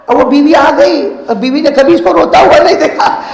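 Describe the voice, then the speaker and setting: A man from India delivering a sermon in a mosque, his voice sitting unusually high for a man. He jumps from loud, fired-up exhortation to quiet, drawn-in storytelling and keeps prodding the crowd to answer back. The sound rings around a big hall with a long, lingering echo. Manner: animated, swinging between shouted exhortation and hushed storytelling; jokes and calls on the congregation to answer aloud. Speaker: preacher. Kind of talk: mosque sermon with humorous stories.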